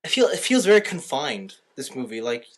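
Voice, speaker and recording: In a mid-range, very animated voice, this podcast host moves briskly through a casual movie review, sharing opinions and frequently rephrasing as he goes.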